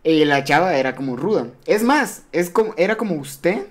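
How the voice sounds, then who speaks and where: A man's voice: fairly high pitch, normal speed. A young man telling crude school stories in a casual chat, acting out the voices of the people in them. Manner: crude, animated, acts out quoted voices.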